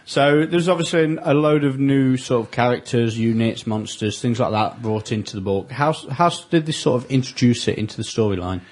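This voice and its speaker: A man's voice: mid-range voice, fairly quick, hardly any pauses, a little mellow. A man hosting a podcast, steering the chat in an easygoing way. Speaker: podcast host. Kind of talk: casual chat and read ad.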